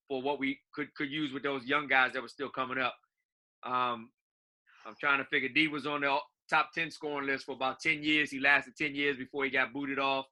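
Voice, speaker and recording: Bright-voiced laid-back coach. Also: male voice, mid-range voice. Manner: easygoing, laughs often, restarts phrases. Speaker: basketball coach co-host. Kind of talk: casual chat.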